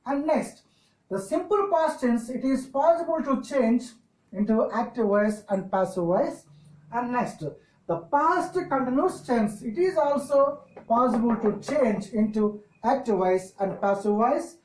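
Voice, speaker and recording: A woman with a Telugu accent, a native Telugu speaker, teaching an English grammar lesson in halting, repetitive phrases. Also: a little high, lively intonation, a little mellow. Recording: echoey room.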